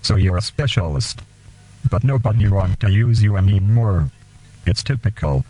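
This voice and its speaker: A man hosting a radio show, speaking in slow, deliberate, halting phrases and reading poems aloud. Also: fairly low pitch, mellow, soft background music, rough recording. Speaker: radio host.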